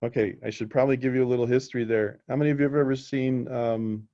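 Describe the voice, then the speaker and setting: A man's voice: medium pitch, fairly even intonation, quick pace. A man teaching a live technical class in a casual way, often checking that his students are following. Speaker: instructor. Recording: dull lo-fi recording.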